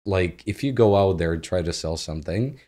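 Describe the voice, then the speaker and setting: A man's voice: sits low, animated, brisk, dark tone. A man in his thirties from Ukraine, a guest in a casual home interview, talking in an easygoing way with loose phrasing and frequent laughs. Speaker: guest, agency founder. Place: home living room. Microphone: studio mic on boom arm.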